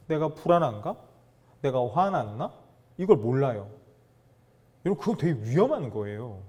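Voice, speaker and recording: A middle-aged man lectures a room of fathers in an animated way, putting questions to them and acting out bits of dialogue. His voice is mellow and dark, with a pitch that rises and falls widely and sits a little high. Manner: animated, acts out dialogue, asks audience questions. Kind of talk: lively lecture to an audience of fathers.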